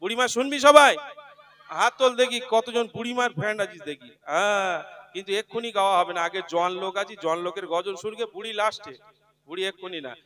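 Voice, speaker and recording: A man with a high voice rouses a live crowd from the stage, teasing them and leading chants. He sounds loud and playful, heard from a distance. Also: fast.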